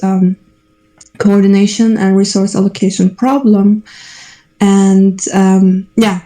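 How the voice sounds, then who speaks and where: Woman seminar host on a video call, dark mellow tone, steady, thinking aloud with many ums, echoey room. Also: medium pitch. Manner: thoughtful, many ums and restarts. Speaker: seminar facilitator. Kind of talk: online seminar discussion.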